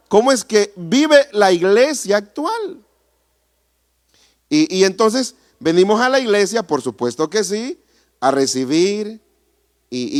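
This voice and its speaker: A man preaching a sermon as pastor in a church, animated, asking the congregation rhetorical questions. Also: high-pitched.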